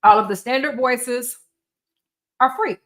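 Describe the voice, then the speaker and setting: Woman, tech tutorial host. Casual and chatty, a bit high-pitched, eating between lines. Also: a little slow. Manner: chatty, talks off the cuff to viewers. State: eating while talking. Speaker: livestream host demonstrating software. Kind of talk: casual screen-share tutorial.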